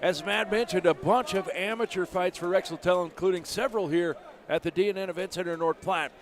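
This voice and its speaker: A man with a high-pitched voice calls a live MMA bout. He delivers play-by-play sports commentary as the lead host at the event. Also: brisk. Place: live fight event venue.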